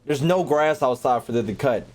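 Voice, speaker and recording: Speaking at normal speed in a mid-range, darkish voice, a man addresses his livestream chat casually while gaming. He throws around slang and curses freely, and game music and sounds sit behind him.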